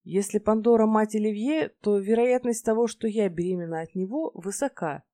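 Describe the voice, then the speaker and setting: A woman narrating a first-person fantasy romance audiobook in a wry, lively storytelling manner. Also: medium pitch, normal speed, no room sound.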